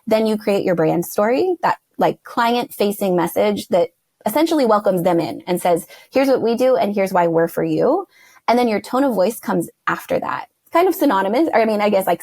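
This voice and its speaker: A woman's voice: mid-range voice, creaky, a little mellow, dry recording. A woman guest talking casually about brand strategy on a podcast, chatty and full of "like" and "you know". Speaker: guest, verbal identity strategist.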